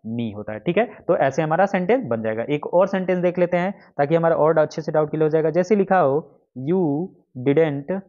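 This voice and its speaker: In a dull lo-fi lesson recording, a male English teacher with a fairly high, dark-toned voice teaches exam-prep grammar at a brisk pace. He breaks things down step by step and repeats his questions while writing out examples.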